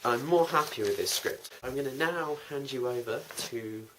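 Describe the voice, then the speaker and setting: Casual and rambling, a young man hosts a behind-the-scenes vlog on the fan audio drama he writes and produces. His medium-pitched voice has a fairly bright tone and normal speed, with noise and clicks throughout the amateur recording.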